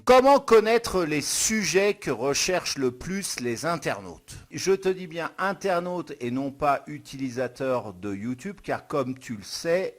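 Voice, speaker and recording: A man hosting a step-by-step software tutorial, talking the viewer through each click in an informal, direct way. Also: medium pitch. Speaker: YouTube tutorial host. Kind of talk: screen-recorded software tutorial. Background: soft guitar music.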